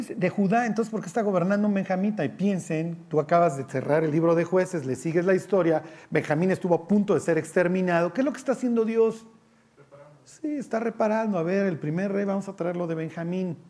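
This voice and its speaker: Lively high-voiced preacher. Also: male voice, a little fast. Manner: animated, asks the congregation questions and acts out quoted voices. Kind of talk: sermon.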